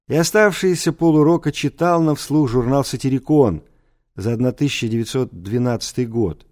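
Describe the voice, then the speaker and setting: A man reading a novel aloud as an audiobook narrator, in an even storytelling delivery. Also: mid-range voice. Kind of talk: scripted narration.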